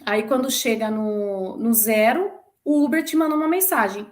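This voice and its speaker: A Brazilian woman in her forties, a former flight attendant, chatting in an interview and telling stories with lively acted-out quotes. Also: fairly high pitch, moderate pace. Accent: Brazilian Portuguese. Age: 40s. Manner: lively storyteller who acts out quoted voices. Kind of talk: casual chat interview.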